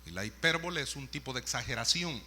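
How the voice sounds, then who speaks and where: A man's voice: medium pitch, fast talker, husky. A male preacher, delivering a storytelling sermon and acting out scenes. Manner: storytelling, animated, acts out scenes.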